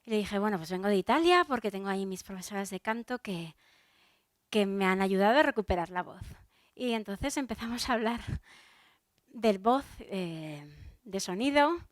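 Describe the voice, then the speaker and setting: A woman's voice: mid-range voice, animated, moderate pace, no room sound, clean studio sound. A woman from Spain with a Spanish accent, a soprano giving a chatty public talk and speaking straight to her audience, with many fillers and restarts.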